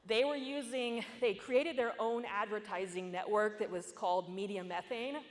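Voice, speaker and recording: A woman's voice: mid-range voice, normal speed. A woman giving a security conference talk in a casual, conversational way, with asides and jokes. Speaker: conference speaker. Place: conference hall. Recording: echoey conference hall.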